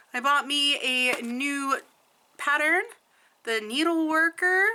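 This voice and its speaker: A woman talks slowly and loosely through a crafting vlog, wandering off track and correcting herself. Her voice sits a little high and has a bright, forward tone. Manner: chatty and rambling, self-correcting. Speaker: cross-stitch vlogger. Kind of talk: casual chat.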